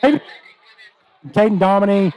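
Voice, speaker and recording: A man calling in remotely to commentate a high school football game over a frozen video call that keeps breaking up, his words cut off into clipped fragments. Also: moderate pace, music in the background. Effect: frozen, breaking-up video call connection. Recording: glitchy call line with loud noise from far off.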